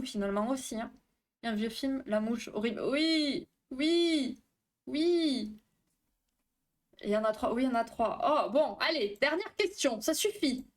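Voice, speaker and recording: Hosting a live stream, a female therapist reads the chat out loud and chats easily with her viewers. She rushes and trips over her words, and her voice is on the high side.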